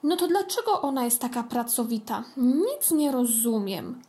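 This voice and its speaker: A cheeky little boy kitten in a children's storybook, lazy and quick to grumble, as a woman puts him on. His voice sits high and comes out loud and indignant whenever he is crossed. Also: sing-song. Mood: grumbling.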